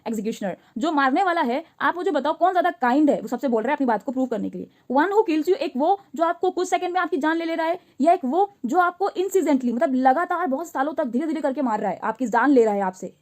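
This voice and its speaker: A woman teacher with a high, light voice walks her listeners through a story one line at a time. She reads each English phrase slowly and carefully. Then she explains it in quick, chatty Hindi, firing questions at her listeners. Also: expressive, a little mellow.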